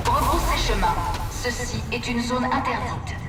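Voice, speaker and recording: A woman voicing a cold, commanding female security system voice that gives formal, clipped warnings over a public-address loudspeaker. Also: on the high side, measured pace, over loud music. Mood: stern warning. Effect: public-address loudspeaker announcement. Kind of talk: video game voice acting. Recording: echoey distant announcement over loud gunfire.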